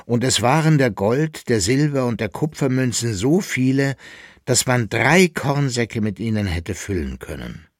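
Husky man narrating a novel. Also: medium pitch, lively intonation, measured pace, dry recording, clean studio sound. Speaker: reader. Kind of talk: audiobook narration of a historical novel. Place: radio studio.

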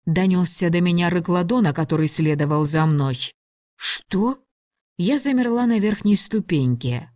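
Woman audiobook narrator, lower voice, measured, dry close recording. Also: animated, warm tone, no room sound. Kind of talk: first-person audiobook narration.

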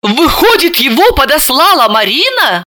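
A woman voicing a sharp-tongued, indignant young woman who snaps her lines. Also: high voice, sing-song, moderate pace, no echo, studio quality, pitched above the performer's own voice, exaggerated voice. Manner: snappish, indignant.

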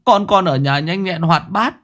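A man voicing a desperate old father who begs a magistrate in a high, urgent voice. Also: measured pace, fairly bright tone. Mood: pleading.

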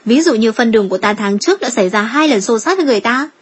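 A woman voicing an eager young female guild member with brisk, persuasive talk. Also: a little high, animated, slightly rough.

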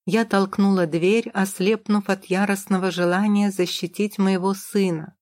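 A woman's voice: mid-range voice, fairly even intonation, measured pace, darkish tone, no echo, clean studio sound. A woman narrating a first-person novel in a dramatic, vivid storytelling manner. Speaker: audiobook narrator.

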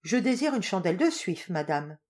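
A woman's voice: lowish voice, sing-song, normal speed, a little mellow. A woman reading an audiobook, voicing a teasing male salesman who plays a prank with exaggerated, mock-polite courtesy.

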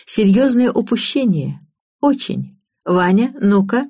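A woman voicing an inquisitive, sharp-tongued older mother-in-law who talks bluntly in quick exclamations. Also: mid-range voice, expressive, slightly rough, no echo, clean studio sound, voice pushed up, heavily acted. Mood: probing.

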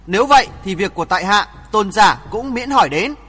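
Brief: male reader doing a steady young swordsman, firm and respectful, bright husky tone, reverb behind. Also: high voice, brisk, exaggerated voice. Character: bold, polite young man swordsman.

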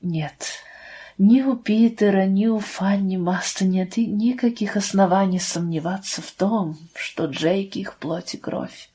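A woman voicing a guilt-ridden male doctor, hushed and husky. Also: mid-range voice. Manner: hushed, halting confession.

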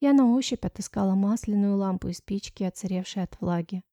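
A woman reading a first-person audiobook story in a measured storytelling voice. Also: medium pitch, mellow, no echo, studio quality. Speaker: audiobook narrator. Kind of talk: scripted first-person narration.

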